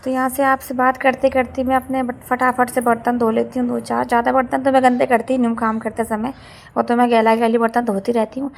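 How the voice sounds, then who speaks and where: A young woman with a hoarse, heavy voice from a sore throat, chatting casually and rambling through her day in a home vlog, often grumbling and correcting herself. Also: a little high, monotone, quick pace. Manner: rambling, complaining, self-correcting. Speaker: home vlogger.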